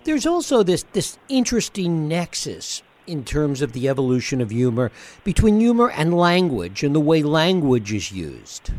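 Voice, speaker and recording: A man's voice: on the high side, huge pitch swings, moderate pace, few pauses, a little mellow, a little hiss or hum. A man interviewing a guest in a casual chat, asking thoughtful questions. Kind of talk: conversational interview.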